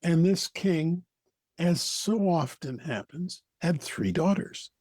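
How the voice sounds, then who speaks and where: An American man tells a folktale in a high-set voice for a man, with lively swings of pitch. He goes slowly and deliberately, leaving dramatic pauses between phrases. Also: dry recording, clean studio sound. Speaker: storyteller, co-host. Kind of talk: oral folktale storytelling.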